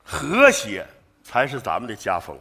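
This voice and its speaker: A man's voice: medium pitch, wildly swooping pitch, normal speed, gravelly, heavily acted. An actor playing an older doting father-in-law in a stage comedy sketch, with theatrical exclamations. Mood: lecturing. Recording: stage mic, loud audience laughter.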